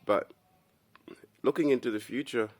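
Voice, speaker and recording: A man's voice: mid-range voice, moderate pace. A young man from Kenya giving a loose, rambling casual monologue to camera, tossing in "bro" as he talks. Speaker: commentary video host.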